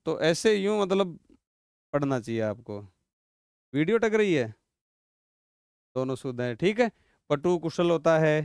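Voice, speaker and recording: A man teaching an online exam-prep grammar class, quizzing his students and repeating each word slowly so they catch it. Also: on the high side, a little mellow, smooth, dry recording, clean studio sound.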